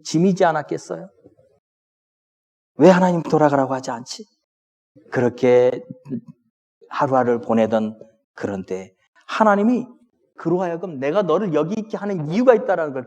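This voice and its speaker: Korean male pastor, lively higher voice, sermon in a reverberant church hall. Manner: expressive preaching, rising to impassioned cries in prayer quotes. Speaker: senior pastor. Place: church sanctuary.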